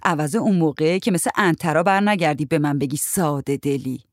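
A woman reading a story aloud, voicing a sarcastic, blunt young woman who talks in sharp, mocking retorts. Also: sits low, no room sound, studio quality, lightly acted.

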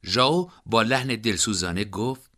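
A man narrating an audiobook in an expressive storytelling manner. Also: lowish voice.

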